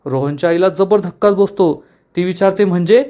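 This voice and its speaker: A man narrating a TV serial episode recap in an animated, dramatic storytelling way. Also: fairly high pitch, measured pace.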